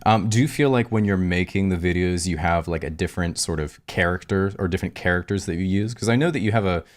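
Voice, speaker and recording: A man's voice: sits low, fast talker. A man hosting a podcast, asking long, meandering and reflective questions in casual conversation. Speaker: podcast host.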